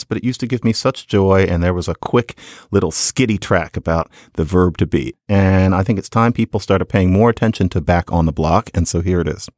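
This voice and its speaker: A man hosting a podcast, explaining ideas in a lively, wry, conversational way. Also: sits low, no room sound, clean studio sound. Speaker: podcast host.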